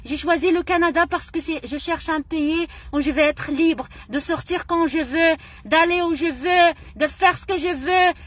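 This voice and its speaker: Woman, middle-aged, high-pitched, heated monologue, indignant, repetitive phrasing. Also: normal speed, hardly any pauses, fairly bright tone. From Morocco. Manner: indignant, emotional, repeats phrases. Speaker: vlogger. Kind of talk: impassioned personal monologue.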